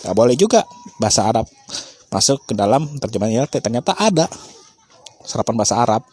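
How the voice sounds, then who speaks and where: A man hosting a casual explanatory talk, arguing a point with rhetorical questions and a husky voice. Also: medium pitch, big pitch swings, quick pace, darkish tone.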